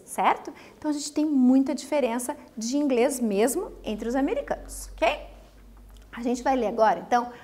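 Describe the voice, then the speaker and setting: A woman from Brazil teaches a recorded lesson and keeps putting questions to her students. Her voice is high and swings widely in pitch. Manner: lively, asks the students questions. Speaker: English teacher.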